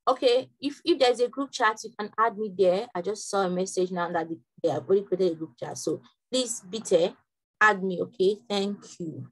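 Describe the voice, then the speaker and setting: A young woman from Nigeria leading an online workshop class over a video call, talking quickly with frequent restarts. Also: medium pitch, slightly rough, low-quality recording. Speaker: workshop instructor.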